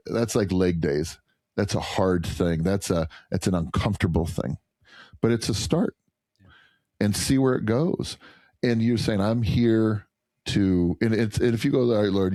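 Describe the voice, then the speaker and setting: A man with a very low, mellow voice talks earnestly in a casual podcast conversation, often restarting his thoughts. The sound is dry and close, with no room around it. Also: no echo. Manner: earnest, rambling with many restarts. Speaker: podcast guest, chiropractor.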